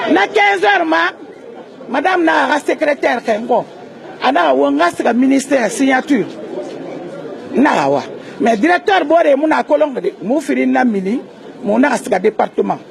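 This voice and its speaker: A woman recounts events in a very high, gravelly-edged voice. She speaks haltingly and mixes two languages, with a faint crowd around her.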